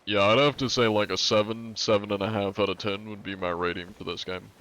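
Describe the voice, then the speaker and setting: A smooth, fairly low, slightly bright male voice moves fairly quickly in a steady tone over a rough recording. The speaker, a man in his twenties from the northern US, rambles casually on a gaming stream, reading chat aloud amid many fillers.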